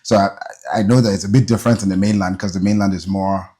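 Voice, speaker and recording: A man's voice: low-pitched, steady tone, fast, warm tone. A man hosting an interview podcast. He talks in an earnest, encouraging way and answers often with a short "okay". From Nigeria. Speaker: host.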